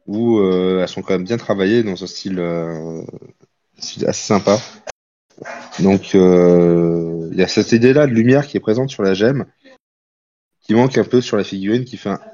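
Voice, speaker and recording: A man giving casual critique of painted miniatures, halting and stumbling over words. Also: lowish voice, warm tone, muffled recording.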